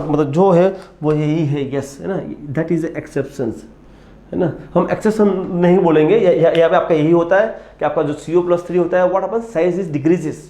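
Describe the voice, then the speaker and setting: A man with an Indian English accent teaches a chemistry class in a roomy, echoing space. His voice sits a little high for a man, with a mellow, soft tone. He mixes Hindi with English and keeps asking the class "clear?" and "what?". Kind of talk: classroom lecture. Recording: echoey room.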